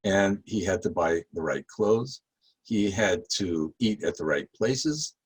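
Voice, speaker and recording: A man guiding a history tour, talking casually with many fillers and rising in pitch when he makes a point. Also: expressive, slightly rough, low-quality recording. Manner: chatty, halting with many fillers, rises when emphatic. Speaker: tour guide. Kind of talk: guided history talk.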